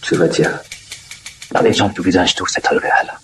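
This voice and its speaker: Deep, grave hunter father, played by a man. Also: fairly even intonation, moderate pace, a bit bright. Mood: grave, worried. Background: music.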